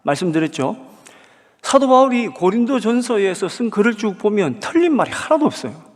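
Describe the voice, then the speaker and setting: A man preaching a sermon, with a high, lively voice that leaps up and down as he asks his listeners rhetorical questions. His voice rings with long reverb, the sound of a church sanctuary. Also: brisk. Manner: animated, rhetorical questions to the congregation. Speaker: pastor. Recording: hall reverb.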